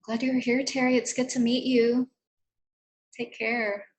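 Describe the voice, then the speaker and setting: Delivering flatly at a measured pace, this fairly high-pitched woman hosts a therapy training webinar on a video call. She grew up speaking Vietnamese and keeps the wrap-up chat friendly and encouraging.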